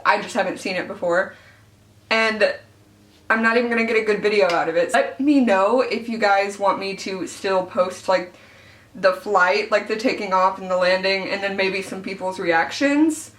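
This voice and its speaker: A woman's voice: mid-range voice, normal speed, a bit bright. An American woman from Arkansas vlogging casually and candidly as she gets ready, her speech slightly altered by teeth whitening trays in her mouth. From Arkansas, southern United States. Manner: candid, informal, swearing, self-deprecating. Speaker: beauty vlogger. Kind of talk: casual chatty get-ready-with-me vlog. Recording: echoey room, distant microphone.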